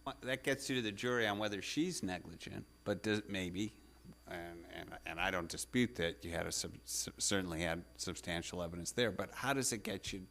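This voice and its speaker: A male appellate judge with a deep voice questions a lawyer from the bench. His delivery is halting and probing, with a skeptical edge. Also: a bit bright. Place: courtroom.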